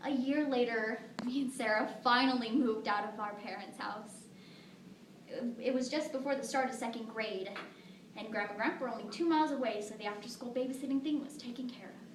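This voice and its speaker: A woman's voice: fairly high pitch, a little fast, natural voice. Woman acting a devoted young mother, roomy distant recording. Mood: amused, fond. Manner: conversational storytelling, rhetorical asides to listeners. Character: devoted young mother fondly recalling her daughter. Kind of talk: dramatic monologue performed at a competition. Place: echoing room, recorded from a distance. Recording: roomy, distant mic with faint noise.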